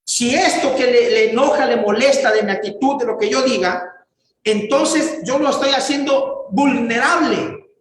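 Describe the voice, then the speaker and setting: A man preaching a sermon as pastor, fervent, building to raised, drawn-out exclamations. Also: extremely high pitch. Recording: very echoey church hall.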